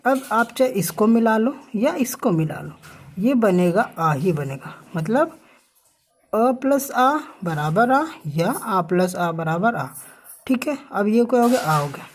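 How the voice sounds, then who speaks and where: A woman's voice: medium pitch, animated, slow. A woman teaching English sounds, who spells out words letter by letter and asks questions that she then answers herself. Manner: repeats "ठीक है" often. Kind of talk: slow classroom explanation with questions.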